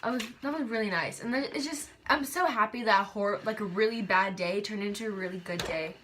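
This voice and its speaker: A woman's voice: medium pitch, fairly quick, a bit bright, a little hiss or hum. A teenage girl telling a storytime vlog in a rambling, gushing way, with lots of fillers and restarts, recorded on a tablet. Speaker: vlogger. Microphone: tablet camera.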